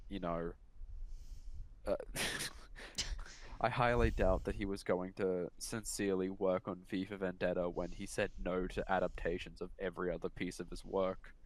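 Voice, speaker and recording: Lowish-voiced man hosting a movie podcast. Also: low-quality recording. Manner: restarts and stammers, swears, asks the group questions. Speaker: podcast co-host. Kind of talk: casual chat.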